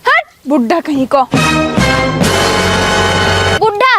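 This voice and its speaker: A woman playing a sharp-tongued old village wife, scolding and threatening in a village comedy skit. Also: very high voice, sing-song, loud music behind the voice, exaggerated voice. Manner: scolding, threatening, fast insults. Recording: loud background noise.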